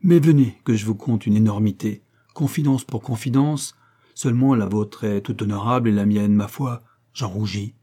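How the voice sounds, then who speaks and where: A man's voice: fairly high pitch, expressive, moderate pace, warm tone, voice pushed up. A man reading aloud, voicing a young gallant nobleman who speaks with airy lightness. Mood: light confiding.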